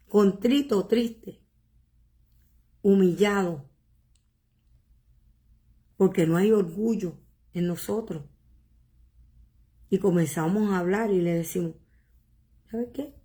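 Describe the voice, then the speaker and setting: A woman pastor preaching a sermon, earnest and emotional, asking rhetorical questions and repeating words with pauses. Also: mid-range voice, warm tone. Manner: halting repetitions and pauses.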